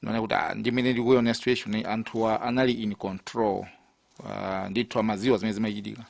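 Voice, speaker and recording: A Malawian man putting formal questions at a hearing as a committee member, hesitant and deliberate in his delivery. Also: lowish voice, flat delivery, creaky, no room sound, studio quality.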